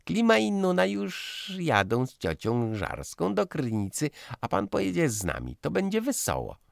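A man reading a novel aloud, voicing a loud, shrill young woman pressing a guest to come along. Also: wildly swooping pitch, normal speed, gravelly, dry recording, studio quality, exaggerated voice. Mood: eager. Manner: shrill and insistent.

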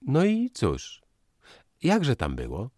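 A man voicing a touchy young woman in a raised, petulant falsetto. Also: huge pitch swings, takes it slowly, a little mellow, dry recording, clean studio sound, exaggerated voice. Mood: irritated.

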